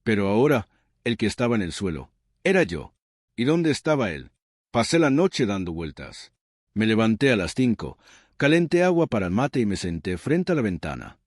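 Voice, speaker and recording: A man's voice: on the low side, big pitch swings, normal speed, a little mellow, no room sound, studio quality. Older Rioplatense man telling a story. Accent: Rioplatense Spanish. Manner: reflective and earnest. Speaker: narrator. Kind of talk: scripted storytelling narration.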